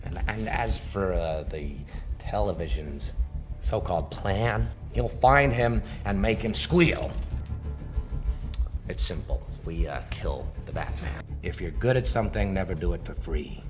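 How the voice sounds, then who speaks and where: The Joker, a low drawling menace. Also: male voice, expressive, unhurried. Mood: menacing. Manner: erratic, drawling, sudden shouts and whispers. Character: scarred male criminal clown, menacing and unhinged. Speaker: villain. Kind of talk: film acting. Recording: film dialogue with score behind. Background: film score music.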